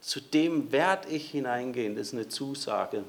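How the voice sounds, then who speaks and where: A man's voice: medium pitch, moderate pace. A man preaching a sermon in a conversational way, speaking directly to his listeners.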